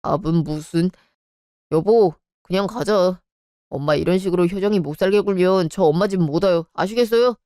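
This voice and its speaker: A woman's voice: on the low side, normal speed, warm tone, no echo, studio quality, close to an everyday voice. Woman playing an exasperated young husband. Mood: firm. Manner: frustrated, pleading. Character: young married man, exasperated husband defending his wife. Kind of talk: Korean radio drama.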